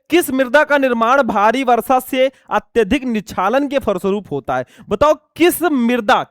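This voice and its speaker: A young man teaching an exam lesson loudly, almost shouting as he goes through multiple-choice questions and calls the students kids and brothers. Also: very high voice, clean tone, no echo, clean studio sound. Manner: loud, near-shouting delivery; addresses students as bachelon and bhaiya.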